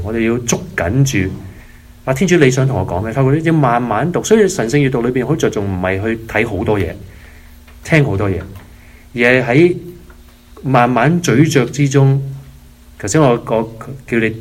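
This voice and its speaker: Male speaker for a spoken faith lesson, mid-pitched, leans on rhetorical questions and drops in English words. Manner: asks the listeners rhetorical questions; mixes English words into Cantonese. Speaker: leader of a prayer and Bible-reading session. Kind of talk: spoken religious teaching.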